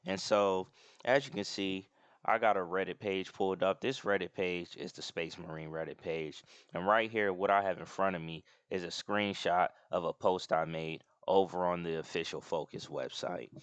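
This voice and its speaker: A man's voice: sits low, normal speed, clear, resonant tone, dry recording. A man casually talking through a screen-share about a game's community, rambling with fillers and restarts, with the hiccups. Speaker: gaming channel host.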